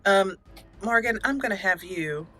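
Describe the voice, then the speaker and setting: Over faint background game music, a woman with a mid-range voice chats expressively and without hurry during a let's play. Her commentary is relaxed and self-mocking, punctuated by frequent giggles.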